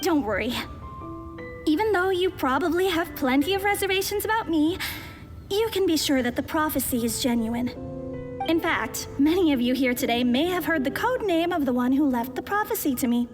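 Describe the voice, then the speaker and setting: A composed young mage from a video game, with a high, clear voice. She speaks formally and courteously, with faint game music behind her. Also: expressive, moderate pace.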